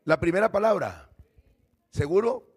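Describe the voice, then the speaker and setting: Male pastor, high voice; teaching sermon that quizzes the congregation. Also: big pitch swings, a little slow, slightly rough. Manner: teaching, asks the congregation questions.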